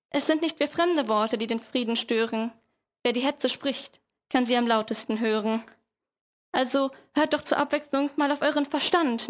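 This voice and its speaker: A woman's voice: on the high side, natural voice. A teenage woman voicing the male chieftain of the new words, dignified and reproachful. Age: teens.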